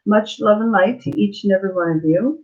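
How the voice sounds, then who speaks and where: A woman hosting a casual live chat, greeting viewers haltingly and apologetically, her mouth swollen and slightly thick-sounding after dental surgery. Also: medium pitch, darkish tone. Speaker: livestream host. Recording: dull lo-fi livestream audio.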